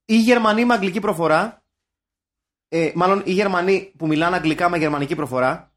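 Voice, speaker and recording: A man, co-hosting a podcast in casual, animated banter about films, swearing and bursting into mock-shouted quotes. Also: high-pitched. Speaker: podcast co-host.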